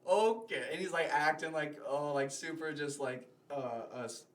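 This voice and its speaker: A man's voice: on the high side, fairly even intonation, moderate pace, fairly bright tone. A young man, a podcast guest, telling a story in casual, rambling talk full of filler words.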